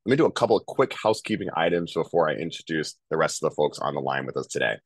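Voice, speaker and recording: A man's voice: very deep voice, expressive, rapid-fire, husky, dry recording. A man with a nasal voice from a cold, hosting a webinar in an upbeat, chatty way over a video call. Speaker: host. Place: home, calling in.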